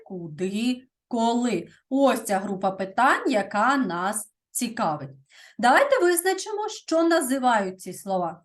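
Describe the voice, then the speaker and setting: Slow, deliberate woman teacher. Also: a little high. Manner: slow, deliberate, checks in with "так?". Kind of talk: primary school grammar lesson.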